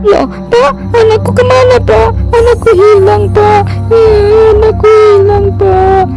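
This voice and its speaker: A woman's voice: very high-pitched, level tone, slow, full character voice, rough recording. A woman voicing a rebellious teenage schoolgirl who turns frightened, pleading and tearful. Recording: music playing underneath.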